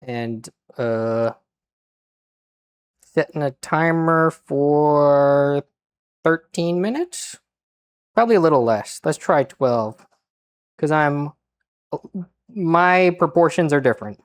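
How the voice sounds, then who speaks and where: Deadpan man chatting while cooking. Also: a little high, takes it slowly, long pauses, clear, resonant tone. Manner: deadpan, self-mocking asides; mutters to himself while working. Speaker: streamer cooking on stream. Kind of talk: casual chat while cooking.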